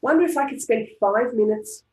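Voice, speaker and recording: A woman with an Australian accent leading a live online group tapping class, speaking in calm, repeated affirmation-style phrases. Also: a little high, a little fast. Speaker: EFT tapping practitioner. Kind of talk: guided group tapping session. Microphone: online video call. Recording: roomy echo.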